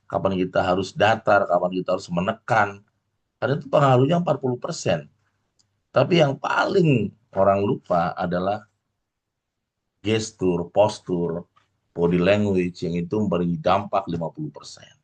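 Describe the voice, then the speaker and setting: A middle-aged man giving a motivational lecture as a coach. He keeps calling out to his audience, tags his points with "ya", and acts out little examples. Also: on the low side. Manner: addresses the audience warmly, full of "ya" tags and acted examples. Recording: dull lo-fi recording.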